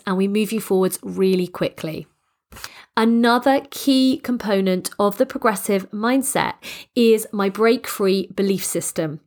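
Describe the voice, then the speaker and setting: A woman hosting a solo coaching podcast in an earnest, emphatic way, with a congested, slightly croaky, stuffy-nosed voice. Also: medium pitch. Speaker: podcast host and business coach.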